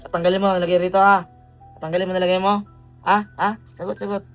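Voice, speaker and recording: A man working as a folk healer who questions a patient forcefully, repeating short commands over and over. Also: sits high, level tone, fast, clean tone, soft background music. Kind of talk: forceful interrogation during a healing.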